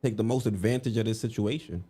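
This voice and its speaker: A man's voice: fairly low pitch, fast talker, mellow, breathy edge. Laid-back man co-hosting a sports stream. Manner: laid-back, conversational, lots of fillers. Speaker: co-host of a live sports show. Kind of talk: casual sports chat.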